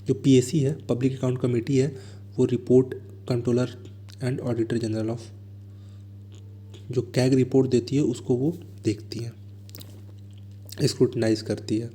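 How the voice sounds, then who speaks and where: Slow, flat-toned Indian man teaching. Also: medium pitch. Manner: reads questions slowly, then explains in fast asides. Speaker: exam prep teacher. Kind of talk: explaining exam answers.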